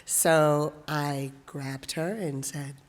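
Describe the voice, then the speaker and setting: Low, hoarse woman speaking in an echoey hall. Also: steady tone, drawn-out words. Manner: conversational, with asides. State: hoarse from a passing cough. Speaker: guest speaker and trainer. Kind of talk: informal training talk to a group. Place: church hall. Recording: echoey hall, long reverb.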